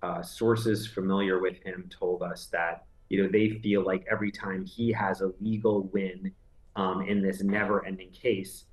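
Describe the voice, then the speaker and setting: A man in his forties speaks over a video call from an indoor room. His voice sits a little low, and he lays out a news story in a relaxed, conversational way, leaning on "you know" as he goes. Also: measured pace, low-quality recording. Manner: conversational, explains step by step with many "you know"s. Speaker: entertainment news editor. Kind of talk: remote news interview. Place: indoor room with framed poster behind.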